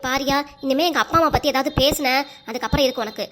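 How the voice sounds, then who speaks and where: A woman voicing an angry mother and wife in a cartoon, scolding sharply and without pause. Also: sits high, a bit bright. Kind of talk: cartoon voice acting.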